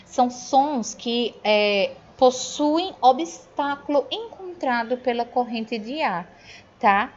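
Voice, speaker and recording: A woman's voice: on the high side, lively intonation, slow pace, a little hiss or hum. A Brazilian woman teacher going over grammar in a recorded review lesson, explaining step by step and checking in with her students. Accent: Brazilian Portuguese. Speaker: Portuguese teacher. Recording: dull lo-fi audio.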